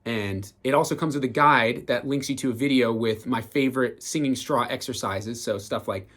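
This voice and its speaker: A vocal coach with a mid-range voice and moderate pace delivers casual, enthusiastic reaction commentary. He's lively, says "like" constantly, and breaks into bursts of singing to demonstrate.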